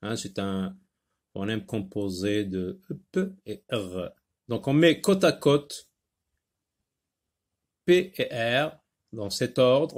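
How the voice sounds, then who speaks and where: A man teaching a French phonics lesson to young children, drawing out and repeating sounds and words, with a North African French accent. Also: mid-range voice. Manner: slow, drawn-out, repeating sounds and words for pupils.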